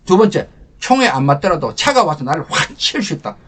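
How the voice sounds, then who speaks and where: An older man, a lecturer and channel host, tells an emotional personal war story as a leadership talk, swinging from loud to hushed. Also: a little high, sing-song, a little fast, slight background noise.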